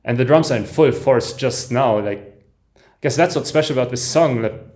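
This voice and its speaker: A man reacting live to an album, commenting enthusiastically with soft "ooh"s and chuckles, often breaking off and restarting sentences as he listens. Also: mid-range voice, moderate pace. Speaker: music reaction host.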